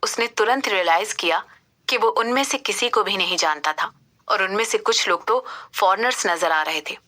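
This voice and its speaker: A woman narrating a romance audio story in a steady, expressive storytelling manner. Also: mid-range voice, moderate pace. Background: background music.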